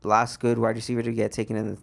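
A man's voice: medium pitch, completely flat delivery, fast talker, vocal fry. A young American man chatting casually about sports as a podcast co-host, in a slangy, laid-back frat-bro manner.

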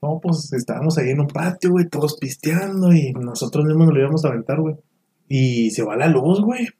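A young man with a Mexican accent tells a party story in a slangy way, with "güey" in almost every phrase. His voice sits a little high for a man. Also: lively intonation, a little fast, dark tone. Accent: Mexican Spanish. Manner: slangy, says "güey" constantly. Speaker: podcast guest. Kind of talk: casual storytelling chat.

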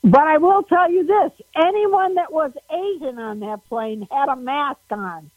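A woman stand-up comedian chatting in a phone interview, animated, laughing often and restarting her sentences. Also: high voice, measured pace, no echo, phone-quality sound.

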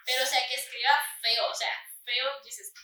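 A young Mexican woman gives frank dating advice in a casual chat. Her voice is high and bright. It carries a roomy echo and sounds a little away from the mic. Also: level tone, moderate pace. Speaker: podcast guest. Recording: echoey room, far from the mic.

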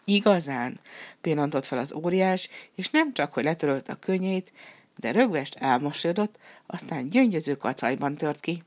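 Low, husky woman reading a fairy tale. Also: expressive. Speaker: storyteller. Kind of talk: storybook narration.

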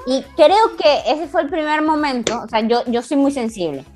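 A woman in her twenties co-hosting a podcast, telling a story in an animated, casual way and laughing often. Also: sits high, normal speed, faint music behind. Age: 20s. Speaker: podcast co-host.

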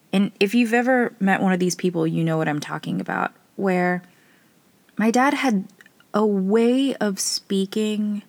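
A woman's voice: medium pitch, darkish tone, no echo. A woman in her thirties hosting a casual solo podcast, chatty, informal and self-deprecating, recording inside a small closet. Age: 30s. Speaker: podcast host. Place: small clothes closet in a studio apartment.

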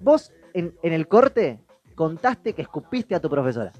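A man's voice: fairly high pitch, big pitch swings, moderate pace, darkish tone, highs cut off, soft background music. A man hosting a casual podcast, teasing and pressing his co-hosts with questions. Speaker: podcast host.

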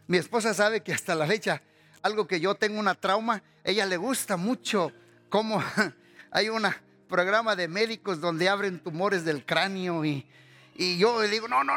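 A man preaching a sermon as pastor, lively and full of humorous personal stories. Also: high-pitched.

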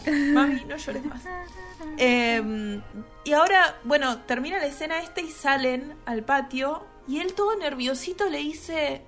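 A woman's voice: high-pitched, lively intonation, unhurried, a bit bright, soft background music. A woman, co-hosting a podcast and emotionally retelling film scenes in casual chat. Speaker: podcast co-host.

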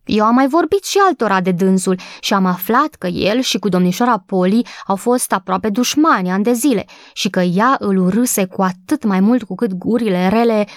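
A woman voicing an excitable young housemaid who is gossipy, breathless and quick to take offense, in an audiobook reading. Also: medium pitch, no echo, studio quality, lightly acted. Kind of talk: audiobook character voice.

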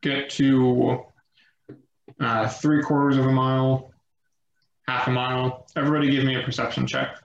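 A man narrating as game master of a tabletop game, slow and halting with many fillers. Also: mid-range voice, level tone, roomy sound, lo-fi sound, a little hiss or hum.

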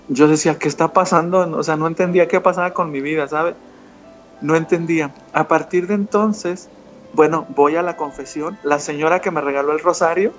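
A man earnestly telling a personal testimony as an interview guest, calling the listener "hermanita". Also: fairly high pitch. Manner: earnest storyteller who addresses the listener as "hermanita". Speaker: guest telling his conversion story. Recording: dull lo-fi sound with faint music behind.

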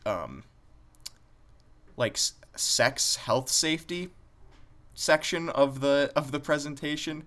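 A man's voice: mid-range voice, lively intonation, slow pace, a bit bright. A young man, a college student, chatting casually and rambling with lots of filler words. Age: young adult. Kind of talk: casual chat.

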